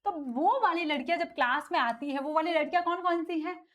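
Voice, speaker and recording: A woman teaching school science in a lively lecture, often asking a question and then answering it herself, with playful asides. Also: extremely high pitch, fairly quick. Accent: North Indian Hindi. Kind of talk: classroom lecture with call-and-response questions.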